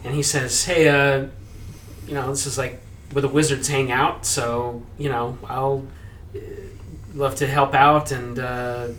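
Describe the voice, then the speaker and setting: Relaxed man introducing his character. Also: medium pitch, measured pace, a little hiss or hum. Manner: relaxed, filler-heavy. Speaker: player. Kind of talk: casual tabletop game chat. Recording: roomy, distant mic.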